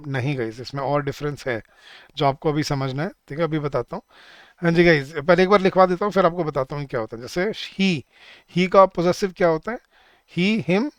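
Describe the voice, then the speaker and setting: A man's voice: a little high, smooth, no room sound, clean studio sound. Chatty Indian man teaching grammar. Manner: chatty, addresses viewers as guys, slow emphatic example sentences. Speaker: English teacher. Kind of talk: online exam-prep grammar lesson.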